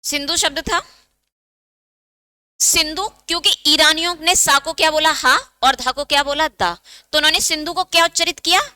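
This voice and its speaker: A woman's voice: high-pitched, moderate pace, bright, forceful tone, dry recording. A woman teaching a Hindi exam-prep lecture, asking questions and answering them herself, and dictating note points.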